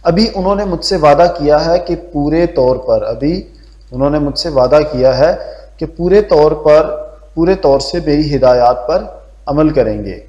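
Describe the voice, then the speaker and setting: A polite, calm family doctor who gives reassuring instructions, read by a male teacher in a plain voice. He talks with courteous formality. The sound is echoey and dull. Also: a little high, lightly acted. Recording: roomy dull lo-fi classroom recording.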